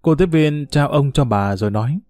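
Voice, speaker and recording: A man narrating an audio story in a steady storytelling voice. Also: a little high, moderate pace, no room sound. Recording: faint music behind, dry.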